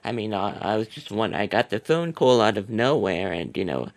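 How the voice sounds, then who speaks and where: A man's voice: fairly low pitch, animated, normal speed. A man voicing a chatty middle-aged woman caller who rambles with hesitations and drawls endearments. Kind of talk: prank phone call.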